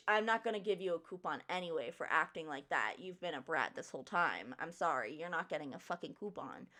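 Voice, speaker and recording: A woman's voice: lowish voice, sharp tone. A young adult woman streamer casually retelling a story, sassy and swearing freely.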